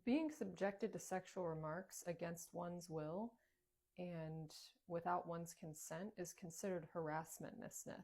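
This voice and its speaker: A woman's voice: fairly low pitch, a little slow, darkish tone. A woman acting in a comedy skit, firm and assertive, recorded in an echoey room. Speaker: teacher and comedy skit creator.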